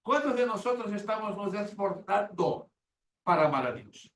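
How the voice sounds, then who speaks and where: A man's voice: sits high, lively intonation, normal speed, fairly bright tone. Emphatic older man preaching, echoey room. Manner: emphatic, repeats words, acts out quoted prayers. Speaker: Bible teacher. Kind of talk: sermon-style Bible class. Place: church classroom. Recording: echoey room from far off with faint hiss.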